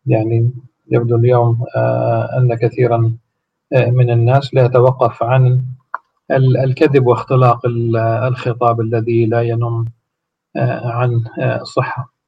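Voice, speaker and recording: Gravelly husky man teaching religion. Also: medium pitch, steady tone. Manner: slow, halting explanation with many drawn-out pauses. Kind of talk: recited salutations and religious explanation. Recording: dull lo-fi recording.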